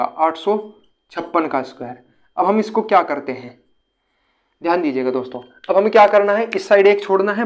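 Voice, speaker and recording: High-voiced man teaching math tricks. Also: muffled recording. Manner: repeats phrases, addresses viewers as friends. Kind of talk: whiteboard math lesson.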